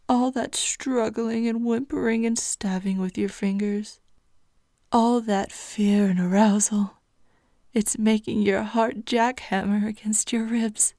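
A woman playing a slow whispering succubus. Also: medium pitch, dark tone, no echo, studio quality. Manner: slow, breathy whispering, purring and taunting. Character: seductive predatory female succubus, teasing and cruel. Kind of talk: whispered erotic audio roleplay.

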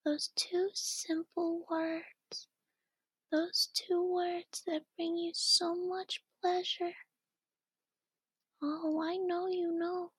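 A woman whispering softly in a slow, coaxing and doting ASMR roleplay. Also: extremely high pitch, level tone, no echo. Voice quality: soft breathy whisper.

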